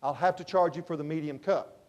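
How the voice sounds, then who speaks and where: A by-the-book fast-food manager, as a male speaker acts him out in a story, politely firm and unbending about the rules. His voice is high for a man and pushed a little louder. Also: lo-fi sound, lightly acted.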